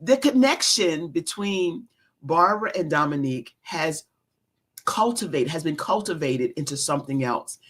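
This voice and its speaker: A woman co-host chatting excitedly, gushing, her voice close to giving out. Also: low voice, normal speed. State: nearly losing her voice. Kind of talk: excited conversational chat.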